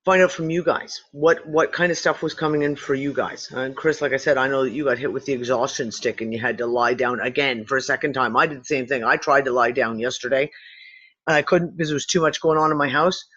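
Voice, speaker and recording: A host chatting casually on a livestream, rambling and swearing as she tells animated stories. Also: extremely low pitch, quick pace, slightly rough, highs cut off. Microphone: computer mic on a video call.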